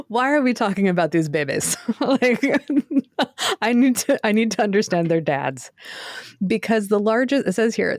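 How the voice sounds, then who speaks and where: A woman co-hosting a casual podcast discussion, animated and quick to laugh, acting out quoted answers. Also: on the low side, dry recording, clean studio sound. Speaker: podcast co-host.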